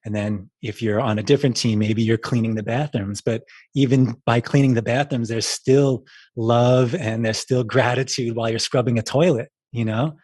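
A man with a husky, slightly breathy voice chats as a guest. He rambles and restarts his sentences, leaning on fillers. The sound is dry and close. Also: mid-range voice, steady tone, moderate pace, a little mellow, dry recording. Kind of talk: casual chat.

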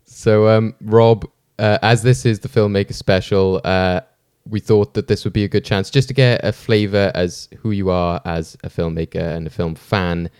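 A man's voice: lowish voice, fairly even intonation, normal speed, a little mellow, smooth, no echo, studio quality. A man hosting a podcast in an informal, rambling, chatty way. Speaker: podcast host. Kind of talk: casual hosting chat.

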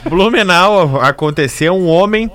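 A man co-hosts a radio talk show, recounting a news item between laughs. His voice is high and bright for a man, with a sharp edge to it. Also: animated, unhurried, clean tone.

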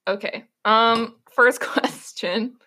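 A woman's voice: a little high, steady tone, takes it slowly, bright, forceful tone. A young woman from Georgia, co-hosting a casual chat with her best friend, teasing her with dry quips. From Georgia, USA.

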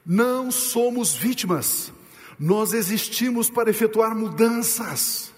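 A male pastor preaching a sermon, asking the congregation rhetorical questions and slowing down and dropping low to stress his points. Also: in a large hall, a little hiss or hum.

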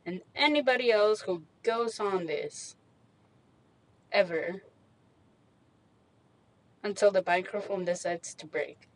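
A young woman chats to her audience from the driver's seat of a small parked car, speaking close into a microphone. She rambles in a slangy, self-mocking way and takes her time, drawing her words out at an unhurried pace. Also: mid-range voice, rough recording. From Mexican heritage. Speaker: vlogger. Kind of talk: casual chat. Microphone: handheld USB microphone.

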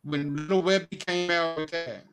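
A man's voice: on the high side, fairly even intonation, measured pace, fairly bright tone, clean tone, faint music behind. A man co-hosting a casual discussion over a remote call, his voice breaking up on the connection. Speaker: co-host.

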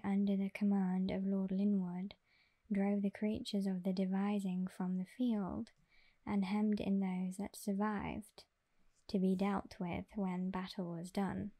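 Female ASMR reader, whispered close-mic delivery, flat and steady, unhurried pace. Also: mid-range voice. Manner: soft and even, unhurried.

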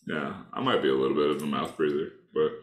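A man's voice: very deep voice, quick pace, reverberant. A man with a stuffed-up nose chatting casually and slangily as a podcast co-host, rambling through his points. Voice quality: congested, blocked-nose sound. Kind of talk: casual chat.

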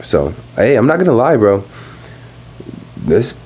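A young man talking casually and profanely on his podcast while high, rambling from one thought to the next. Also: big pitch swings, measured pace, darkish tone, slight background noise. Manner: rambling, profane, laid-back. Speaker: podcast host. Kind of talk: casual stoned podcast monologue. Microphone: podcast microphone.

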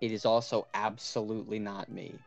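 A man with a lowish voice speaks in character at a tabletop game, laying things out earnestly and stopping to restart his thoughts. The sound is dull and lo-fi, with faint music underneath. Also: level tone, a little fast, gravelly. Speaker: player. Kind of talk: in-character tabletop role-play.

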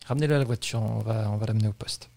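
A man voicing a stern senior police officer who talks slowly and formally in a tabletop game. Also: on the low side, gravelly, mellow.

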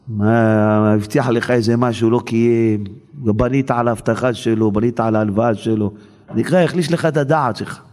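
A rabbi giving a dramatic sermon, quoting texts with sweeping rises and slowed emphasis. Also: male voice, medium pitch, darkish tone. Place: synagogue hall. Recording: long hall reverb.

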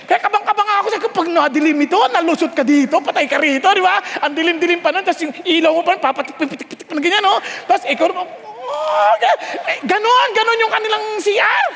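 Man preaching, storytelling sermon, swings soft to loud, mixes in English, very high pitch, echoing hall. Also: slight background noise. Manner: storytelling, swings from hushed to shouting; mixes English phrases into the talk. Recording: long hall reverb.

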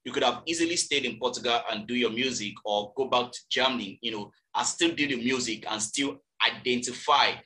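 A man's voice: medium pitch, brisk, hardly any pauses, bright, forceful tone. A man from Nigeria hosting an interview, asking long, winding questions full of fillers.

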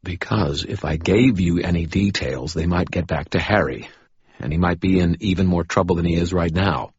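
A man's voice: deep voice, moderate pace, husky, no echo, dull audio, pitched above the performer's own voice. A man voicing the first-person hero in dialogue, tense and pleading. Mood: urgent. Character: urgent young man pleading for help.

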